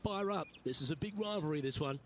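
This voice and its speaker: A man delivering scripted play-by-play golf commentary for a video game in a brisk, upbeat manner. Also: on the high side, expressive, slight background noise. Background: game music.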